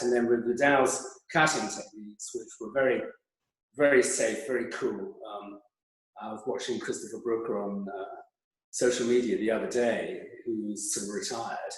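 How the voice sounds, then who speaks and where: An older British man telling rambling, chatty stories with many fillers as an interview guest. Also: on the low side. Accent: British English. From Britain. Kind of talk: anecdotal interview talk. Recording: very echoey room.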